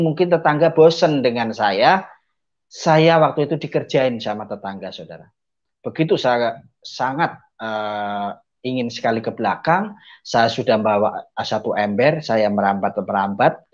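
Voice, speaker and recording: A man's voice: mid-range voice, moderate pace. A man giving an earnest personal testimony, telling his story to listeners he keeps calling brothers and sisters, with hesitant fillers along the way. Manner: hesitant fillers mid-sentence. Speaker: testimony speaker. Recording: dull, muffled lo-fi audio.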